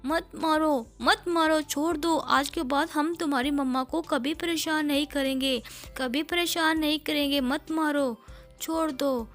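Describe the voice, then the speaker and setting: A woman's voice: fairly high pitch, measured pace, faint music behind, close to an everyday voice. Jaggu, a woman doing a bullying male crow. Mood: begging. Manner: blustering, threatening.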